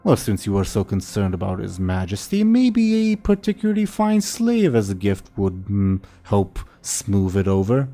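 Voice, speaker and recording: A man's voice: lowish voice, big pitch swings, moderate pace, hardly any pauses, warm tone, soft background music. Man playing an oily, scheming Grand Vizier. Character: haughty, scheming male Grand Vizier at a royal court.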